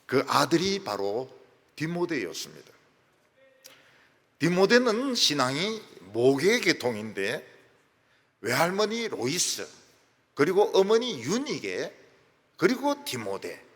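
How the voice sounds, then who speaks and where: A man preaching in a church sanctuary, his voice gravelly and pitched a little high. He swings between loud, stressed peaks and hushed drops, and a long reverb from the big hall trails every phrase. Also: wildly swooping pitch, slow, long pauses. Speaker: pastor. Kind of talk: sermon.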